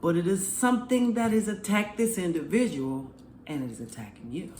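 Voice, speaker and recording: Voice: mid-range voice, moderate pace, a little mellow, reverberant, slight background noise. A faith vlogger giving a casual, earnest spoken testimony, rambling and emotional, recorded at home in an apartment.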